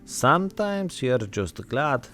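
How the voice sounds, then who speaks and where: A man voicing a weary immigrant zombie-apocalypse survivor, telling his story in short, deadpan, reflective phrases. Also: mid-range voice, slow pace, background noise. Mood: somber, reflective. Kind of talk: narrated in-character role-play monologue.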